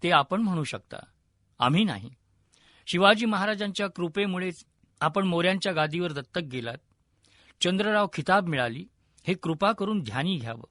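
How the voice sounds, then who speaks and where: A man voices a dignified royal envoy with a high, bright, crisp voice, formal and measured, ready to threaten. It is recorded dry and close. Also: expressive, no echo. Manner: formal, measured, then stern. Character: dignified male royal envoy, calm turning fierce.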